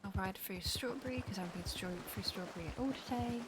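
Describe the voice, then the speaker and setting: A woman's voice: mid-range voice, fairly quick, noisy background. A woman streamer in a casual, rambling chat, swearing now and then. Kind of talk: casual chat while playing a role-play game. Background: game music and horse hooves.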